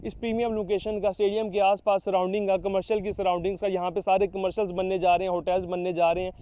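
A young man, a real estate agent giving a persuasive sales pitch outdoors at a construction site, with frequent fillers. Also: little pitch movement, quick pace, mellow. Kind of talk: promotional site-visit talk to camera.

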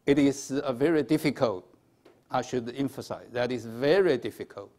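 A man in his sixties with a Chinese accent, giving a formal lecture at a podium in a halting, hesitant manner with repeated words. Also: mid-range voice, a little mellow. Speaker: academic conference speaker. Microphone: podium microphone.

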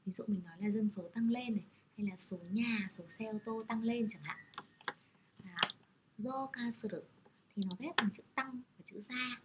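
A woman's voice: fairly high pitch, normal speed, background noise. A woman teaching Japanese characters, explaining patiently in a friendly, step-by-step way. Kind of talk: explaining lesson over slides.

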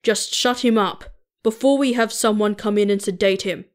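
A woman's voice: medium pitch, moderate pace, close to an everyday voice. A woman voicing a curt, dismissive male guard. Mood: irritated.

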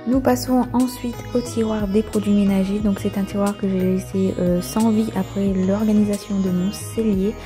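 A woman's voice: mid-range voice, fairly even intonation, normal speed, few pauses. A young woman narrating her cleaning video in a casual voice-over, chatty and full of hesitations as she shares tips. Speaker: cleaning vlogger. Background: background music.

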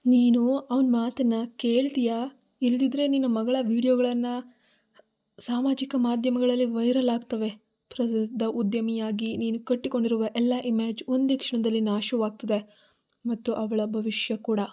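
A woman's voice: on the high side, level tone, moderate pace, dark tone, dull audio, close to an everyday voice. A woman voicing a vengeful young man who steadily accuses and threatens his old enemy. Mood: threatening.

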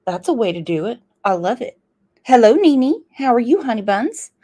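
A woman's voice: mid-range voice, expressive, brisk, warm tone, husky. A middle-aged woman, hosting a live-stream chat in a chatty, playful way and tossing out exclamations. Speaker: host of a live true-crime channel.

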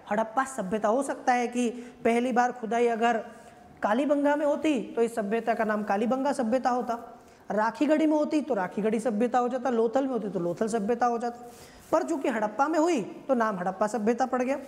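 A woman with a high-pitched voice gives an exam-prep history lecture. She explains in a conversational way and keeps checking in with her listeners. Her voice carries a long, ringing reverb. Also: normal speed, darkish tone. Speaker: history teacher.

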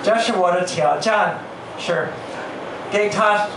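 An older, high-pitched man from a Western country does stand-up in Mandarin with a non-native accent, halting and repeating words as he hunts for phrasing. He's in a small indoor comedy bar, speaking into a handheld stage mic, but the sound comes via a distant camera, so it's echoey and noisy.

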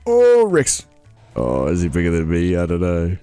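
Excitable young man narrating gameplay. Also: sits low, normal speed, smooth, no room sound, soft background music. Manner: excitable, laughs often, says "bro" a lot. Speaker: gamer. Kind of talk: casual gameplay commentary.

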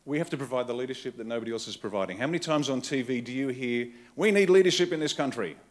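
A man's voice: mid-range voice, lively intonation, quick pace. A middle-aged man with an Australian accent, giving a rousing political keynote from a conference hall stage into a podium microphone, speaking in punchy, emphatic short phrases that he often repeats. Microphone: podium microphone on a stand.

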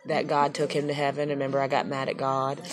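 A woman's voice: very deep voice, completely flat delivery, quick pace, soft background music. A woman chatting casually at a bedside, teasing in a joking, affectionate way. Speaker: patient's relative filming at the bedside. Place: hospital recovery room, indoors. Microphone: handheld phone. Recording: phone recording with background chatter.

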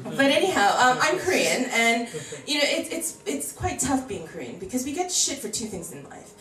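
An American woman in her thirties from the United States performs a chatty stand-up comedy set in a small bar comedy club. Her slightly high voice moves at normal speed, animated as she acts out voices in quotes. She uses a handheld mic, filmed from a far camera, and the sound is echoey and distant.

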